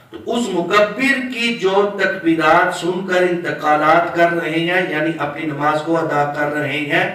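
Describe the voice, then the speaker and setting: A man's voice: sits high, bright, forceful tone, distant mic. Echoing male religious teacher. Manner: explains slowly, draws out words when demonstrating; asks listeners questions. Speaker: Islamic scholar teaching prayer. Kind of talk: religious lesson on prayer rules.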